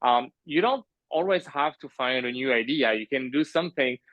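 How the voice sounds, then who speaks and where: A man in his thirties from France talks casually as a podcast guest, his voice bright and forward. He rambles and restarts with lots of fillers and quick laughs. The sound is dry and a bit dull, like a remote call. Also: medium pitch, no echo. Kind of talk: casual conversational interview. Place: remote call from an island at night.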